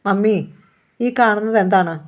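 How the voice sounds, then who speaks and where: A woman's voice: medium pitch, a little slow, muffled recording, lightly acted. A defiant young heiress, accusing and demanding answers, read by a woman narrator. Her voice stays close to the reader's own as she presses her questions.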